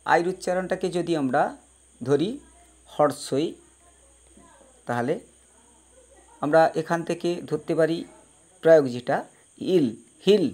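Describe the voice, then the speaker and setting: A male teacher giving a pronunciation lesson, slowly spelling out words and patiently repeating each sound for his students. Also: on the high side, a little mellow. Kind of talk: spoken English pronunciation lesson.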